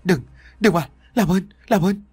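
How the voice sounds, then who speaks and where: A man's voice: on the high side, expressive, normal speed, slightly rough, no room sound, pitched above the performer's own voice. A man voicing a terrified young servant in an audio story, pleading and panicked. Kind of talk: audiobook character voice.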